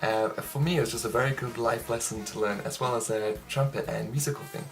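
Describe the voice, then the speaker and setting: Relaxed young New man chatting. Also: medium pitch, a little fast, faint music behind. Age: young adult. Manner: relaxed, chatty, self-deprecating with frequent ums. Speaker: trumpet player. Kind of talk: casual video interview answers.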